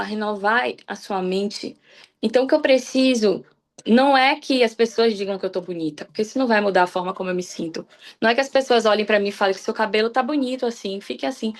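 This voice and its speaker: A young woman from Salvador, Bahia, giving a personal devotional talk on a church livestream, speaking candidly and often restarting her sentences. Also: on the high side. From Salvador, Bahia, Brazil. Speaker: guest preacher on a church livestream.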